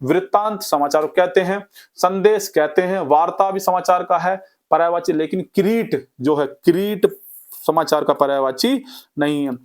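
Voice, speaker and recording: A man's voice: high-pitched, moderate pace. A man teaching an exam revision class. He asks the class questions, answers them himself, and repeats key points over and over. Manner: lively, repetitive drilling of key points. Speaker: Hindi exam-prep teacher.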